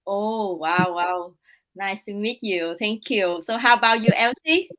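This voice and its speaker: A woman with a Vietnamese accent hosting a casual livestream over a video call, talking with many fillers and pauses. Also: mid-range voice, a bit bright. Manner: hesitant, many fillers, broken English. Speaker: livestream host.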